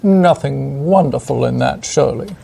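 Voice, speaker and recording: A performer playing a composed, analytical Victorian gentleman detective in a mystery role-play, speaking formally and with measured care. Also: mid-range voice, creaky, a little hiss or hum. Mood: composed, probing.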